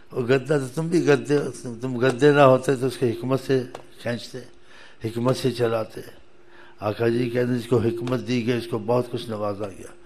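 A man's voice: medium pitch, fairly even intonation, a little mellow, slight background noise. A man preaching a storytelling sermon in a folksy way, chuckling at times and rising to emphatic exhortation.

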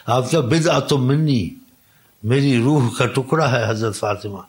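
A man delivering a sermon in an exhorting, insistent way. His voice sits at an ordinary middle pitch. He circles back to the same points again and again and weaves recited Arabic quotations into his preaching. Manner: exhorting, repetitive, quotes Arabic hadith. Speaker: Islamic preacher.

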